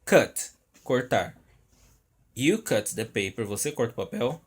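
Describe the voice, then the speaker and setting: A man's voice: mid-range voice, animated, breathy edge. A Brazilian man teaching an online English lesson, repeating each word and checking in often with his students. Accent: Brazilian Portuguese. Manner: explains slowly, repeats words, checks in with "tá?" constantly. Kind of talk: recorded online language lesson.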